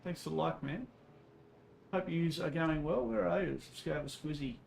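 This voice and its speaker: Laid-back Australian bloke with creaky voice. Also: male voice, fairly high pitch, normal speed. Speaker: livestreamer racing in an online endurance sim race. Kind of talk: casual livestream commentary to chat. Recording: some background noise.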